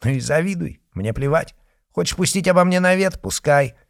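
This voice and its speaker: Man voicing a drunk jealous young officer, swaggering, shouting, lively pitch, audiobook. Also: normal speed, vocal fry, no echo, clean studio sound. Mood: jeering. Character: drunk, jealous young male officer, boastful and hot-tempered.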